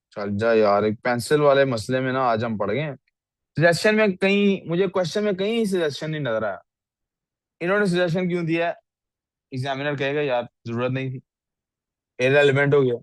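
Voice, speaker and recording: A man's voice: on the high side, fairly quick, dry recording. A male English teacher on a video call, reviewing student writing and questioning the class, mixing English into his speech. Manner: questions the class often, mixes English into Urdu.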